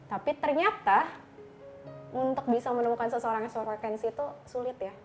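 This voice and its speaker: A woman in her thirties with an Indonesian accent, a panel guest telling her story in a reflective, relaxed way. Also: a little high, brisk, faint music behind. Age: 30s. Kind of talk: casual chat.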